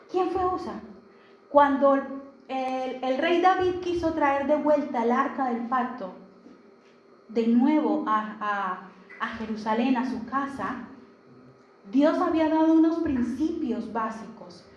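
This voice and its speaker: Higher-voiced woman preaching in an echoey church. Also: a little hiss or hum. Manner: asks the congregation rhetorical questions; emphatic, repeats key phrases. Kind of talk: Sunday sermon. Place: church service hall. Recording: echoey, slightly dull church recording.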